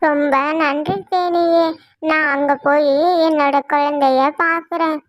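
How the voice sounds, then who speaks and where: A woman's voice: high-pitched, steady tone, measured pace, dry recording, lo-fi sound. A woman voicing a worried mother cloud in a cartoon, asking for her lost child in an anxious, imploring way.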